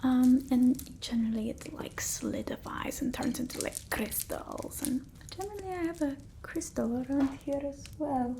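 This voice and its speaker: Here a woman whispers a soft-spoken ASMR roleplay as an absent-minded female vampire who brews potions from old-world folk remedies, using a fake Eastern European accent. The high-pitched, breathy delivery carries a slight hiss or hum, and she wanders through slow, halting, rambling mutters while searching for something.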